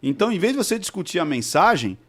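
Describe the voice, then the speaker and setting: A man's voice: high voice, sing-song, quick pace, a bit bright, slightly rough. A man, an expert guest in a casual interview, who explains patiently and keeps checking in with rhetorical questions.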